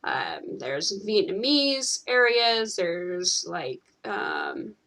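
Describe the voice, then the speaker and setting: A young woman from California talks in an unhurried, casual way, pausing on ums and restarting her sentences. Her voice sits at an ordinary pitch and she takes her time. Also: wildly swooping pitch, fairly bright tone. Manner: rambling, full of ums and restarts. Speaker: channel host. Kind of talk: casual chat while gaming.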